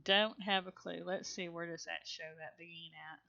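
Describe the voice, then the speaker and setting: A woman's voice: lowish voice, steady tone, moderate pace, creaky, bright, forceful tone, muffled recording. A woman with a Southern US accent, streaming a game in casual commentary, chatty and rambling, muttering to herself and laughing often.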